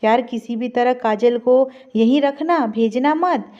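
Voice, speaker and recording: A woman's voice: a little high, unhurried, a little mellow, close to an everyday voice. A woman voicing a worried, restless young husband in an audio story, speaking in an anxious, pleading way. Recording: dull lo-fi recording.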